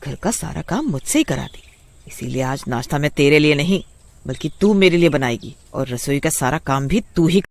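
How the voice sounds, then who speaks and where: A man voicing a harsh, bossy witch daughter-in-law in a kids' storybook, shouting scornful threats. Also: mid-range voice, unhurried, lightly acted. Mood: bossy, threatening. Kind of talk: storybook voice acting.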